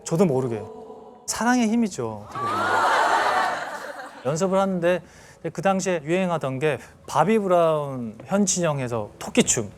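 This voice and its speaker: Animated man telling stories on stage. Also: on the high side, normal speed, very noisy. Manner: animated, acts out scenes with sound effects. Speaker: celebrity lecturer. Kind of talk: storytelling lecture to an audience.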